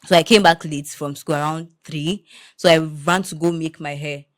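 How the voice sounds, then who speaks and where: A young Nigerian woman co-hosting a podcast, telling personal stories in an animated way and slipping into pidgin. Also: low voice, moderate pace. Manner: animated storytelling, mixes in pidgin. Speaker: podcast co-host. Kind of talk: casual chat.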